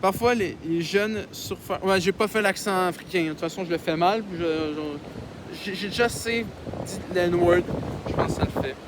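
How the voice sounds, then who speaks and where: A man's voice: high voice, normal speed, background noise. A man reading a novel aloud outdoors in casual style, stumbling over words and breaking off into sarcastic, swearing asides. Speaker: audiobook reader. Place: outdoors in the wind.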